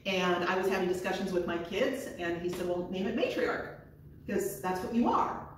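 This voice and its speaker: A woman in her fifties, a distillery owner, telling her story in a lively, eager way while showing guests around. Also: on the low side, normal speed, slight background noise. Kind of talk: casual chat. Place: small distillery room, indoors. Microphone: far camera. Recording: echoey room from far off.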